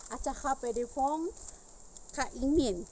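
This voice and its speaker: A woman vlogger from the rural northern Philippines, a non-native Tagalog speaker with a regional accent, talking casually and politely in halting Tagalog mixed with English. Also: high voice, dark tone. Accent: Igorot-region Philippine accent. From rural Ilocos Sur, Philippines. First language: an Igorot language of the northern Philippines. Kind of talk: casual walking vlog tour. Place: outdoors in a rural village. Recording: noisy outdoor recording with insects and animals.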